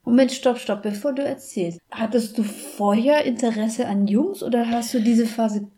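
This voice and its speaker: A woman's voice: a little high, fairly even intonation, normal speed, dark tone. A woman co-hosting a podcast, curiously questioning her partner in casual chat. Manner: curious, prompting questions with frequent "oh". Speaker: podcast co-host.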